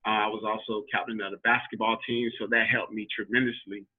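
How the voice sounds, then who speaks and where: A man in his thirties from Tampa, Florida, answering interview questions hesitantly, with many ums and false starts. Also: mid-range voice. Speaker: interview guest. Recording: tinny phone-like line.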